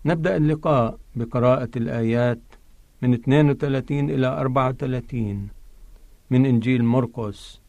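A male radio pastor delivers scripted religious narration with formal, solemn phrasing. His voice sits at a medium pitch and is recorded dry and close, as in a studio. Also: brisk, creaky, a little mellow, no echo, highs cut off. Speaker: pastor presenting a radio Bible programme.

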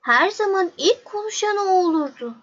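A woman voicing the little prince, a polite and lonely young boy, speaking softly and earnestly in a storybook reading. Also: extremely high pitch, animated, moderate pace, highs cut off, pitched above the performer's own voice. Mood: wistful.

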